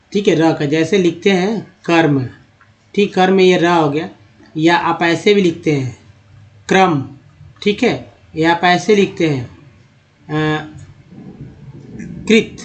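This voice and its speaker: High-voiced man spelling words aloud. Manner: spells names letter by letter, repeats words often; addresses viewers as friends. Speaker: teacher. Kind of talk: explaining Hindi-to-English spelling on a board.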